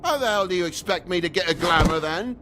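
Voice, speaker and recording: An actor voicing a grumpy, indignant talking toad with a British accent in a video game, griping and sarcastic. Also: male voice, high voice, animated, quick pace, background noise. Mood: bitter, angry. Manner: griping, sarcastic, foul-mouthed.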